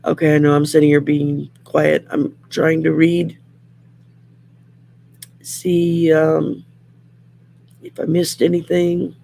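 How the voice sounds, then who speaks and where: A middle-aged woman with a raspy, worn whiskey voice hosts a casual live chat in an unhurried, rambling, plain-spoken way. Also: low-pitched, monotone, mellow. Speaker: live show host.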